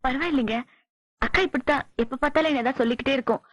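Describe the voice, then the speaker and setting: A gentle young bride-to-be speaks softly and kindly. Her voice is high and she talks quickly. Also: no room sound. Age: young adult. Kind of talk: 1990s Tamil film acting.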